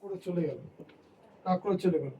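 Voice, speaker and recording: A man's voice: high-pitched, moderate pace, mellow, recorded from a distance, soft background music, lightly acted, poor audio. A man playing a young adult son in a family drama, worried and whiny.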